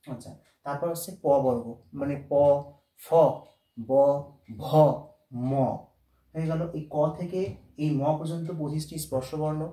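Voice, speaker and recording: A man teaches a lesson, patiently sounding out each letter in turn. His voice sits fairly high yet mellow. He is recorded in an echoey room, a little away from the mic. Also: measured pace, pauses often, recorded from a distance. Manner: patient, spells out letters one by one. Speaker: Sanskrit teacher. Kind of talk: explanatory lesson.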